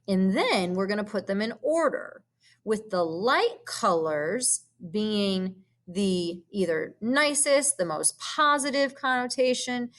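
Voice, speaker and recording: Slow, patient woman teacher explaining a lesson. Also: medium pitch, expressive. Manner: patient and explanatory, with soft filler hums. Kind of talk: recorded classroom lesson walkthrough.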